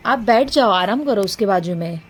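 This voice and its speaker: A woman's voice: medium pitch, lively intonation, moderate pace, a crowd in the background. Woman coaxing her toddler at home. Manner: coaxing, questioning tone with her small child. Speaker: vlogger. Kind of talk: casual home vlog. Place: home in an apartment building.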